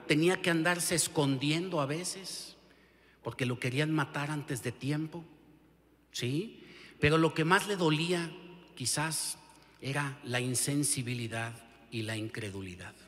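A male pastor with a Mexican Spanish accent preaches in a fairly high voice at a slow, deliberate pace. He keeps asking the listener rhetorical questions and leans hard on key words. Long hall reverb hangs behind him. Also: a bit bright. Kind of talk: sermon. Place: church sanctuary.

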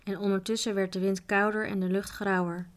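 A woman reading a children's book aloud as a storyteller, in a calm, even way. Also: mid-range voice, brisk.

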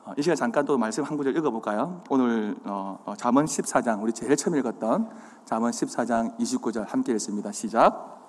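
In a church sanctuary with hall reverb, a man preaches animatedly, quizzing his congregation and acting out the signs of anger. His medium-pitched voice moves quickly, with a little hiss or hum.

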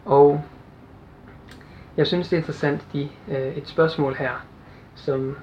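A man's voice: fairly high pitch, fairly even intonation. Earnest young man preaching. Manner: earnest, halting with fillers and restarts. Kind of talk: sermon with Bible reading. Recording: dull lo-fi sound with faint noise.

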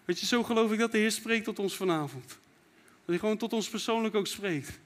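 A man's voice: high voice, a little fast. A man preaching a fervent sermon as pastor, acting out prayers and God's words as he goes.

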